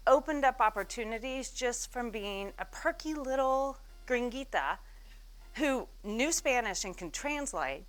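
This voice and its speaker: A woman in her forties gives a business talk on an event stage before an audience, in a slightly high, fairly bright voice. She tells her story with self-mocking humor and acts out the people she quotes. The recording is rough.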